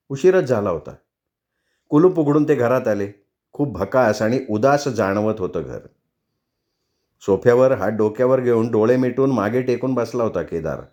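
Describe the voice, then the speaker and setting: A man narrating a novel aloud in a measured, expressive storytelling voice. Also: medium pitch. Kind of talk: audiobook novel reading.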